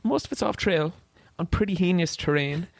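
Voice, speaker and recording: A man's voice: high-pitched, moderate pace, gravelly, no echo. An Irish man in his thirties, chatting as a podcast guest, rambling with restarts and casual swearing. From Ireland. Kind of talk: casual interview chat.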